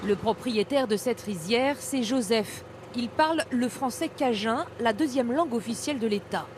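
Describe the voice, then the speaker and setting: A woman's voice: fairly high pitch, moderate pace, background noise. A woman reporter reading scripted narration for a television news report.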